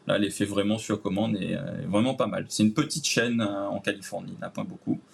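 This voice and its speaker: A man from Réunion with a Réunionese French accent, a guest chatting casually and enthusiastically about food in a relaxed, rambling way. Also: fairly low pitch, fast talker, vocal fry, slightly rough. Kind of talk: casual interview chat.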